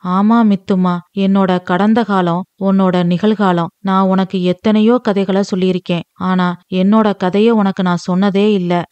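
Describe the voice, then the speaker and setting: A woman's voice: mid-range voice, little pitch movement, normal speed, darkish tone, smooth, no echo, highs cut off, close to an everyday voice. A woman reading an audiobook, voicing a loving, teasing old grandmother with folksy, affectionate speech. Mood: sorrowful.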